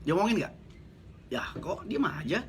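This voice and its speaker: A man's voice: high-pitched, very animated, moderate pace, slight background noise. A man talking blunt and casual on a live stream, reading out viewer comments and joking as a network marketing coach. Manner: blunt, joking, chatty, laughs often.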